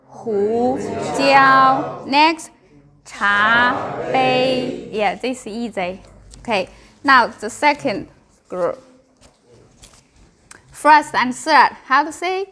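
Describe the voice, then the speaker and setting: A woman's voice: high-pitched, fairly bright tone. A woman with a Chinese accent teaching beginners, practicing tones by demonstrating syllables and giving short prompts and corrections. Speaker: Mandarin Chinese language teacher.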